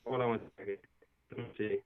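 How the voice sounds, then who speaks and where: A man's voice: fairly low pitch, steady tone, fast. Man on a choppy, breaking-up phone line. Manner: rambling, repeats words, many fillers. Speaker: caller. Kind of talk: casual phone-in chat. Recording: tinny phone line, bad connection.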